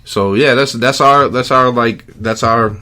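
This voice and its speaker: A man's voice: medium pitch, unhurried, pushed and bright. A man co-hosting a podcast, chatting casually and telling stories, often laughing and acting out the voices of people in them. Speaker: podcast co-host. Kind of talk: casual chat, animated storytelling.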